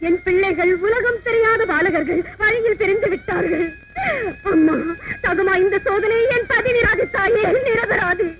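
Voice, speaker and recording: A woman's voice: extremely high pitch, unhurried. A weeping, desperate queen mother. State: crying. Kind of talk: dubbed mythological film acting. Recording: dull lo-fi old film soundtrack with loud music.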